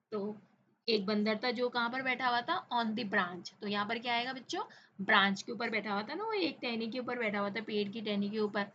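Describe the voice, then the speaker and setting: A woman teacher with an Indian accent walks children through a textbook chapter. She has a bright, fairly high voice, reads the English lines slowly, then explains them quickly, mixing English and Hindi. The recording sounds slightly dull, with faint hiss behind her.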